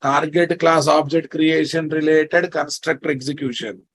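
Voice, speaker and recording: A man's voice: a little high, fairly even intonation, normal speed, fairly bright tone. A man with a Telugu Indian English accent teaching a programming class, repeating himself and often checking that listeners follow. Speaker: programming instructor. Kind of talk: classroom lecture.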